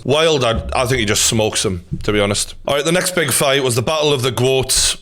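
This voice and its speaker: A man's voice: mid-range voice, fairly bright tone. A man with a Newcastle Geordie accent giving casual reaction commentary as a host, in a blunt, opinionated, sweary and matey way. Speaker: YouTube host and boxing commentator.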